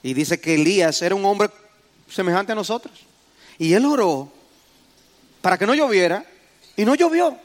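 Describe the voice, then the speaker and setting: A man with a notably high voice delivers a sermon. His preaching is dramatic, and his voice swells to loud exclamations. He turns to the congregation with direct questions. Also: animated, normal speed, pauses often.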